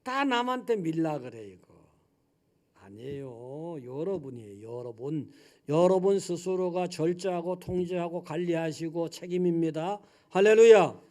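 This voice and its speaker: A male pastor delivering a Sunday sermon in a high, lively voice. He swings from shouted hallelujahs to hushed asides and acts out little scenes as he talks. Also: unhurried. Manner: dramatic, swinging from loud shouts to soft asides. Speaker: senior pastor.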